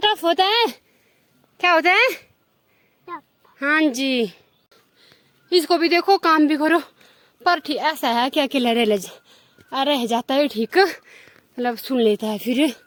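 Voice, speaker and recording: A woman's voice: on the high side, no echo. A woman with a Himachali Pahadi accent, chatting to her viewers as a village vlogger in a rambling way full of fillers. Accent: Himachali Pahadi Hindi. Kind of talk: casual chat to viewers.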